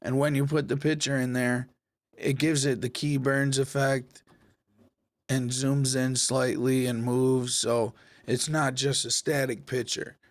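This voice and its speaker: A man hosting a casual software tutorial, talking viewers through each step in a relaxed, conversational way. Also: mid-range voice, unhurried, dry recording, studio quality. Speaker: tech tutorial host. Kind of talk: screen-recorded software tutorial.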